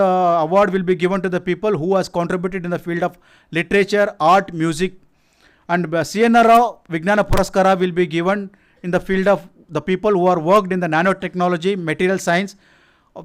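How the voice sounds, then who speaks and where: A man speaking English with a Kannada Indian accent, giving an informal presentation in a halting, self-correcting, repetitive way. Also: high voice, fairly even intonation. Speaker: science organisation representative presenting its activities.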